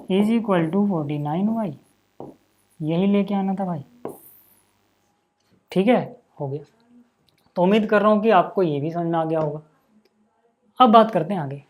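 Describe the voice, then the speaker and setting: A man's voice: sits high, darkish tone. A man teaching a math lesson in a casual, step-by-step way, talking to his students as "brother" and checking in often to see if they follow. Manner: chatty, keeps checking in with "है ना" and "यार"; talks to students as "भैया" and "भाई".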